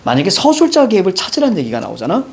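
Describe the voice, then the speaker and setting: A male teacher giving a brisk literature lecture, directing students and firing quick questions at them. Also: sits high, huge pitch swings, gravelly, darkish tone, slightly rough. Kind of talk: classroom lecture.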